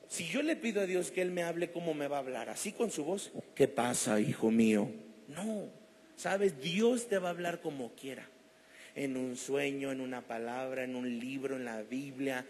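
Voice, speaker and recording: Recorded in a church hall with long reverb and slight background noise, a man with a mid-range voice preaches a sermon. He tells stories animatedly, acting out the voices of the characters.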